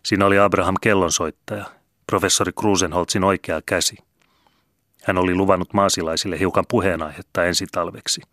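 A man calmly reading a novel aloud as an audiobook narrator. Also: low-pitched, dry recording, studio quality. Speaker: audiobook reader. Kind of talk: scripted narration.

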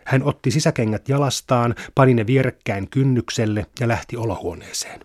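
A man reading literary fiction aloud in a measured, even narration. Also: mid-range voice, no echo, clean studio sound. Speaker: reader.

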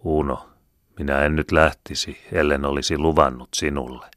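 A man voicing a quiet, serious young volunteer soldier who speaks in a deep, grave voice. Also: steady tone, dry recording, clean studio sound.

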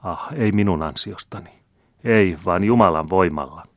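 A man reading aloud the lines of a noblewoman disguised as a peasant, speaking earnestly, solemnly and gently. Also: sits low, dry recording, studio quality. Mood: grave. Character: noble woman disguised as a peasant, calm and grave.

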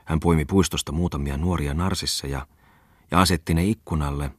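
A man narrates a classic novel at an unhurried, measured pace. His voice sits very low and has a husky grain. The studio recording is close and dry, with no room sound. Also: no echo. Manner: calm, measured storytelling. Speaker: audiobook narrator. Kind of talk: literary audiobook reading.

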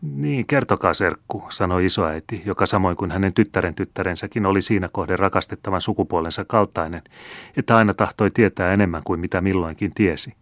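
A male audiobook narrator reads literary prose in an even, measured way. His voice sits very low. The recording is close and dry, with no room sound. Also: no echo.

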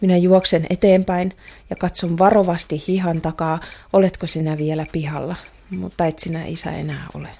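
A woman's voice: fairly low pitch, little pitch movement, gravelly, dark tone. A woman voicing a young girl who longs for her father's approval, speaking in an earnest, hesitant first-person radio drama monologue.

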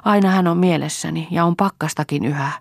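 A woman's voice: lowish voice, gravelly, no echo, studio quality, pitched above the performer's own voice. A woman reader voicing a worried, devoted young woman who speaks earnestly and solemnly in a raised, strained voice.

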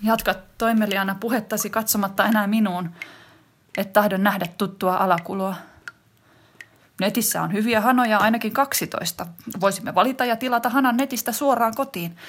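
A woman's voice: mid-range voice, close to an everyday voice. A woman voicing a wistful wife reading a letter to her husband in a radio drama monologue, intimate and reflective. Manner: intimate, reflective, growing more heightened and excited.

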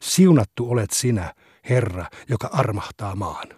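A man giving a measured, solemn reading of translated religious texts. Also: lowish voice, animated, dark tone, breathy edge, no room sound, studio quality. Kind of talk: scripted reading of translated scripture.

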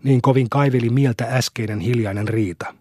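Husky male audiobook narrator. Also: medium pitch, no room sound, studio quality. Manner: even, measured storytelling.

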